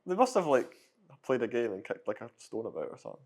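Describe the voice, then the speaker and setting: A man's voice: medium pitch, huge pitch swings, fast talker, a little mellow. A man co-hosting a podcast in casual chat, often asking puzzled questions. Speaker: podcast co-host.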